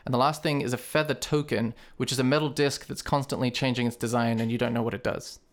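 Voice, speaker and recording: Male game master, chatty explainer, mid pitch, casual podcast delivery. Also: fairly even intonation, fast. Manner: explains things at length, reads facts aloud. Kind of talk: narrating a tabletop game.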